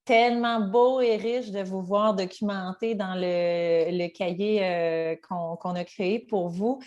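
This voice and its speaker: A woman's voice: mid-range voice, steady tone, slow, darkish tone, highs cut off. An upbeat woman co-hosting an online webinar, speaking over a headset mic. Her audio is choppy and keeps dropping out, as an unsteady video-call connection breaks her voice apart. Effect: choppy headset mic audio that keeps cutting out. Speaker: webinar co-host. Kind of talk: casual online presentation.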